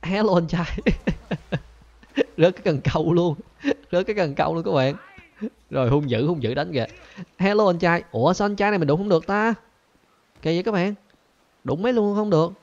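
Gaming host, young man, higher-pitched, excitable running commentary, muffled lo-fi mic. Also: fairly quick, pauses often. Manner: excitable, chatty, talks to viewers, frequent laughs and squeals. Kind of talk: casual Let's Play commentary.

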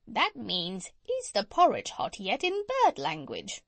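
Casting: clever, proud lady parrot for a storybook, played by a woman, high voice, very lively intonation, insistent teacher. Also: slow, vocal fry, dry recording, heavily acted. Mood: demonstrative, proud. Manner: insistent, instructive. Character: bossy, proud, clever old female parrot.

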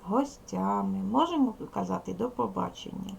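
A woman with a strongly gravelly, fry-heavy voice teaches a recorded lesson to young children. She speaks with a Ukrainian accent and explains each step slowly and deliberately. A faint hiss of noise sits under her voice. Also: mid-range voice, animated. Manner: slow, careful, deliberate explanation to young pupils. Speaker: primary school teacher.

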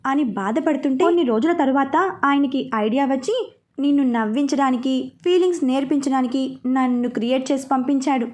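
A bubbly, teasing young heroine who chatters and loves to mimic, as a woman reads her lines. The voice sits high and bright, quick with playful jabs. It comes across as a storybook read aloud. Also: close to an everyday voice. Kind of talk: storybook dialogue reading.

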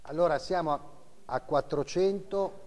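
A man's voice: a little high, a little slow, darkish tone, big-room sound. A middle-aged man working as an auctioneer, calling bids and lot numbers live in short clipped phrases, often repeating the figures. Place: auction house room, seated behind a desk, indoors.

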